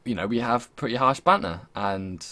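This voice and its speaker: A man's voice: mid-range voice, moderate pace, sharp tone. A young man hosting a podcast with casual, sweary, teasing banter over a voice call. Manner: sweary, mocking. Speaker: podcast host.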